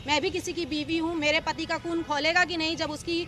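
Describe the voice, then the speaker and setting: High-voiced woman speaking out passionately. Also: fairly even intonation, fairly quick, bright, forceful tone. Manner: impassioned, emphatic, accusing. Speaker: local politician speaking to reporters. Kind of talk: street press interview.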